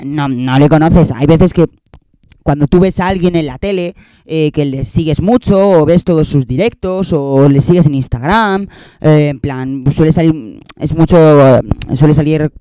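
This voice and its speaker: A man's voice: a little high, normal speed, dark tone, smooth, no echo. A young man with a Spain Spanish accent, hosting a casual, rambling, sarcastic year-end monologue that keeps repeating itself. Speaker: host.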